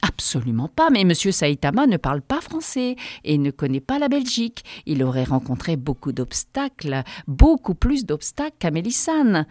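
A woman voicing a humble, ashamed male colleague who speaks softly and pleadingly. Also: on the low side, big pitch swings, moderate pace, hardly any pauses, no room sound. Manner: soft, pleading, mortified.

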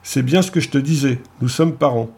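A man's voice: medium pitch, brisk, warm tone, slightly rough. A man voicing a giant, jovial male clan chief who talks bluntly and heartily in an audiobook story. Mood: hearty.

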